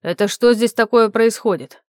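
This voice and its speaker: A woman voicing an angry middle-aged father who shouts demands, in an audiobook. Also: fairly high pitch, moderate pace, dry recording, studio quality, lightly acted. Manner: loud, demanding.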